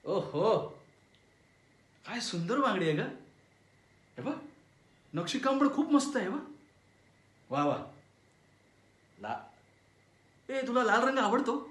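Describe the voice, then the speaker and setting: A man's voice: high voice, big pitch swings, slow, long pauses, a bit bright, heavily acted. A man acting a controlling husband who coaxes in a falsely tender voice and turns to threats, in a dramatic audition monologue. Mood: falsely sweet. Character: controlling, menacing husband with a sweet-talking cruelty. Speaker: auditioning actor. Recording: roomy echo.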